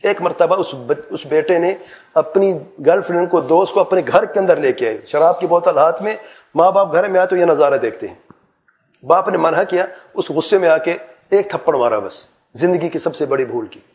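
In this sermon, a middle-aged man preaching Islam speaks with a somewhat high, lively, faintly mellow tone. His earnest counsel leans on rhetorical questions and lists he goes over repeatedly.

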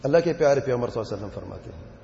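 A man's voice: mid-range voice, lively intonation, creaky, dark tone, a little hiss or hum. Emphatic male preacher in an echoey hall. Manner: emphatic, rhetorical questions to listeners. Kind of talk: sermon. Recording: echoey hall, dull lo-fi sound.

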